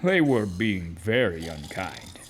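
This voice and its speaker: A weary donkey, voiced by a man, recounts his journey in a children's audio drama. He takes his time with dramatic pauses and a very lively pitch. Animal and cricket noises sit clearly behind him. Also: heavily acted. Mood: weary storytelling. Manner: deliberate storytelling with dramatic pauses. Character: Eli, a weary, aggrieved male donkey telling his journey. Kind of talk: first-person children's audio drama narration. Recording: noisy, with animal and cricket ambience.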